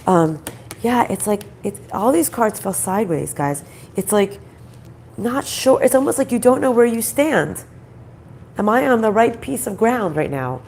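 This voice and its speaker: A woman with a groggy, croaky voice from a troubled throat, doing a conversational card reading in halting, repeated phrases and questions. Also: fairly high pitch, sing-song, darkish tone, slight background noise. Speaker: spiritual card reader, host.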